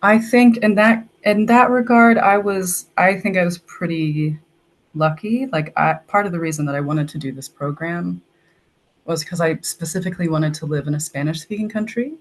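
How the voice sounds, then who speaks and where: In this casual podcast interview, a young Texan guest, an English language assistant, tells chatty stories sprinkled with plenty of "like." Her voice sits on the low side and moves at normal speed, and the recording quality is low.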